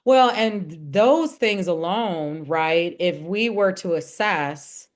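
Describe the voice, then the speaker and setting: A woman's voice: fairly low pitch, lively intonation, takes it slowly. A woman hosting a wellness podcast in casual conversation with a guest. She speaks in an affirming, reflective way and often turns to spiritual wording. Her tone stays conversational throughout. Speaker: podcast host.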